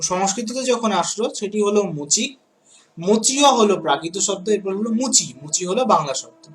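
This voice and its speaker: A man with a high voice teaches a grammar class in a West Bengal Bengali accent. He repeats each key word and keeps asking the pupils whether they follow. He reads out long lists of examples slowly, one word at a time. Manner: repeats key words, asks pupils "তাই তো?" to check understanding. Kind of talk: grammar lesson for school pupils.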